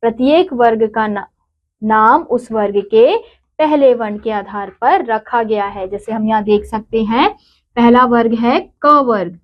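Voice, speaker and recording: A woman teaches children in a slow, deliberate way, sounding out each syllable before saying the example word. Her voice sits a little high, and she takes her time. The recording is dull and lo-fi. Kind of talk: Hindi grammar lesson for children.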